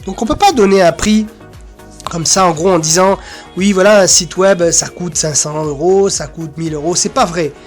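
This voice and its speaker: Over soft background music, a presenter of an association's website speaks at a moderate pace in a mid-range voice. The walkthrough is an informal, unscripted screen share, rambling and casual with little filler sounds.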